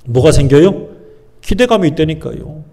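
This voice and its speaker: A man's voice: on the high side, lively intonation, normal speed, dark tone. A male pastor preaching a sermon, posing questions to his congregation and answering them himself. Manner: acts out people's inner thoughts in shifting voices.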